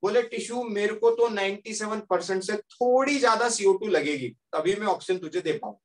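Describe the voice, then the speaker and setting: A male teacher giving a lively classroom lecture as a story, often checking that students follow. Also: high voice, a little fast, recorded from a distance.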